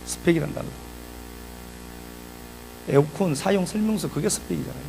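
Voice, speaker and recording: Male pastor, slightly high and gravelly voice, chatty sermon style with casual asides. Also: animated, normal speed, noisy background. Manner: conversational preaching, reads scripture and breaks into casual asides. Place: church.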